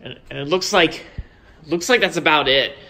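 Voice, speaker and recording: In this unscripted house tour, a young man carries a handheld phone, filming off screen, from room to room in his new home and narrates casually. His slightly high voice sounds pushed and bright at a moderate pace, and he rambles, repeating words and restarting sentences. The phone recording is low quality.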